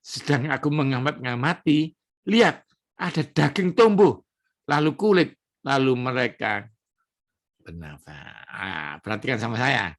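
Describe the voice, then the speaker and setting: Emphatic pastor preaching. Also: male voice, medium pitch, lively intonation, a little slow, pauses often. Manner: emphatic, mixes scripture reading with casual chatty asides. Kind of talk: sermon at an evening prayer service.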